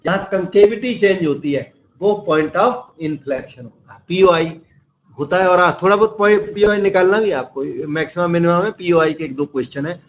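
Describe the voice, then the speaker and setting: Speaking at a moderate pace in a high-pitched voice, a male teacher explains maths step by step and tests his students with questions. The classroom recording is echoey and slightly muffled in tone.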